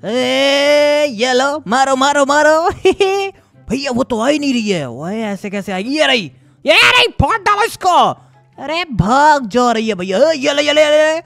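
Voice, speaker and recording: A man from India, giving loud, excitable gameplay commentary full of teasing banter and sudden shouts. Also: very high-pitched, unhurried, creaky, dry recording, faint music behind. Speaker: gaming YouTuber.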